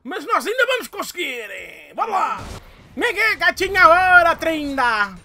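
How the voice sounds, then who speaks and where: A young man with a European Portuguese accent giving live gameplay commentary, excitable and swearing, with shouting outbursts. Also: very high-pitched, moderate pace, slight background noise. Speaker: gamer.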